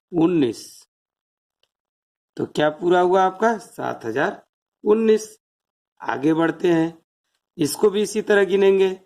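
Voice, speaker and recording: A teacher walks through a math lesson at an unhurried, deliberate pace. Each place value is counted out in turn. Rhetorical questions are dropped in to keep the listener following along. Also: medium pitch. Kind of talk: step-by-step classroom explanation.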